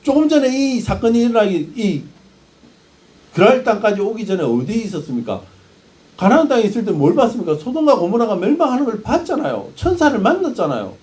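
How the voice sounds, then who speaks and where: A man's voice: high-pitched, sing-song, fairly quick, a little mellow. A male pastor preaching a sermon, firing rhetorical questions at the congregation.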